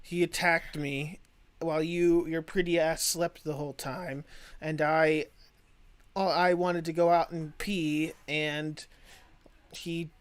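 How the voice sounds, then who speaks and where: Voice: mid-range voice, flat delivery, slow pace, clean tone. A player in a streamed tabletop game, joking and playfully boastful. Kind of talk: playing a character in a tabletop game.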